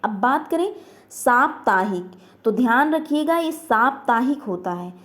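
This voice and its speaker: Woman, high-pitched, online grammar teacher, asks and answers her own questions. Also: lively intonation, a little slow, a bit bright. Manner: repeats words and asks herself questions.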